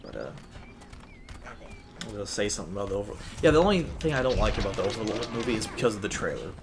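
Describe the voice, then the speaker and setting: A man's voice: on the low side, expressive, fast, noisy background. Rambling, swearing young man gamer. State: sore, scratchy throat. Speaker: host. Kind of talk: casual chat while gaming.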